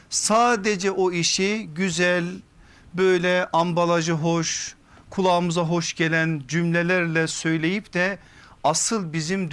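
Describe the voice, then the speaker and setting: A man preaching from a pulpit microphone, giving an earnest, measured religious lesson that builds to emphatic repeated phrases. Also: a little high, a bit bright, smooth. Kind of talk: sermon-style lecture. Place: pulpit in a mosque or lecture hall.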